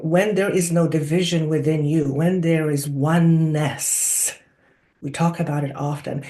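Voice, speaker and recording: A wise collective of spirit guides speaks through a person acting as medium in a trance-channeling seance. The delivery is deliberate and oracular, solemnly instructive. Key words are drawn out for emphasis, and questions are posed rhetorically. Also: medium pitch, mellow. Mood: solemn, assured.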